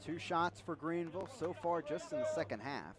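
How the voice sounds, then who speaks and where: A man's voice: a little high, animated, moderate pace. A man doing live play-by-play soccer commentary as an announcer. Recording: outdoor stadium noise behind. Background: outdoor stadium ambience.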